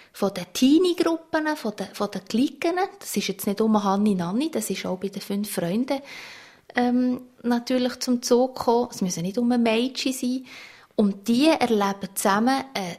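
Woman recalling childhood reading. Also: on the high side. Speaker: interviewee. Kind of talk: reflective personal account.

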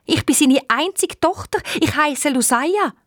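A woman with a Swiss German accent voicing a sorrowful young princess who was turned into an owl, speaking in a hoarse voice. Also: sits high, expressive, measured pace, a bit bright, no echo, clean studio sound, voice pushed up. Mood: plaintive.

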